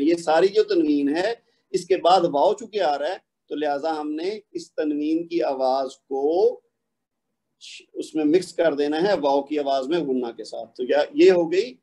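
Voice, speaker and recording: Patient Pakistani male tutor, fairly high and mellow, explains and then slowly recites examples for students to repeat. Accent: Pakistani Urdu. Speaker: Quran recitation teacher. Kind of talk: online tajweed lesson.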